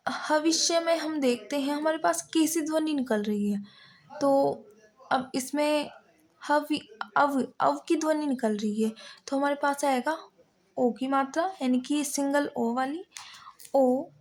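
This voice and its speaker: A woman's voice: high voice, darkish tone. A woman teaching a Hindi grammar lesson, patiently breaking words into their parts one piece at a time. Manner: slow, patient, spelling out word parts one by one.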